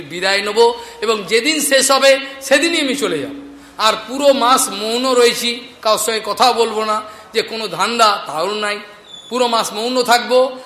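A man's voice: high-pitched, sharp tone, a little hiss or hum. A man preaching a devotional sermon, telling stories with laughs as he goes. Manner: storytelling with laughs, retelling a conversation. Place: hall in a market. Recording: echoey hall with faint ambience.

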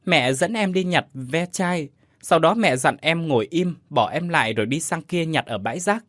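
A man voicing a whimpering seven-year-old ghost boy in a horror story, with a high, childlike pleading manner. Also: sing-song, normal speed, a bit bright, no room sound, clean studio sound. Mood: sniffling.

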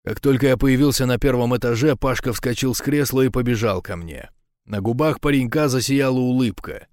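A man narrating a first-person audiobook in a low, tense, clipped delivery. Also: fairly quick, a little mellow, no room sound, studio quality.

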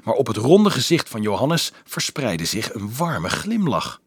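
A man narrating an audiobook with a husky voice and lively, expressive intonation. The recording is dry and close. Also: medium pitch, a little slow, no room sound. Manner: expressive storytelling. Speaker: audiobook reader.

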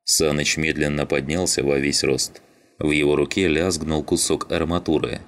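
Very deep-voiced male audiobook narrator. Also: little pitch movement, moderate pace, fairly bright tone.

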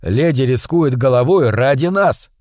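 A man voicing a small, brave, bossy leader of a band of brothers, talking in a slow, commanding tone. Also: mid-range voice, lively intonation, a little mellow, dry recording, studio quality, lightly acted.

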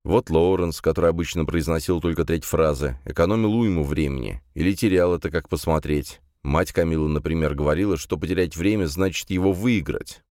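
A man narrating an audiobook in a steady, measured reading. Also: a bass voice, no echo, clean studio sound. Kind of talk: scripted narration.

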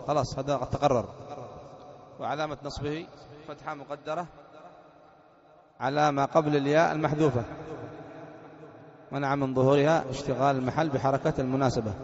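Sheikh teaching grammar in an echoing hall. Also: male voice, medium pitch, steady tone, fairly quick, pauses often, muffled recording. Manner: explains step by step, quizzes students with "what?" questions. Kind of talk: classroom grammar lesson.

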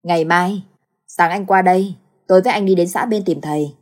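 A woman voicing a calm, serious older village man who speaks in a steady, reassuring way. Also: on the low side, fairly quick, lightly acted.

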